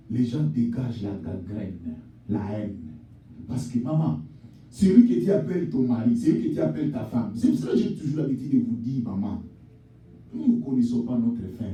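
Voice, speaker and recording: Booming preacher in an echoey church. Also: male voice, distant mic. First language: not English. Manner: swings from shouted exhortation to low, quiet address; addresses the congregation directly as mother, father, sister. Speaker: pastor. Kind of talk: sermon. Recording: echoey church hall, voice from off-mic.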